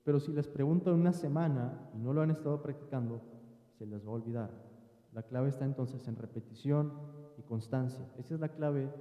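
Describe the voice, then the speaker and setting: A man preaching a sermon in an earnest, teaching tone, his voice at a middle pitch. He speaks from a church sanctuary with a long reverb. The sound is slightly dull and muffled. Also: brisk. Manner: earnest teaching tone, addresses listeners as brothers. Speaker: pastor.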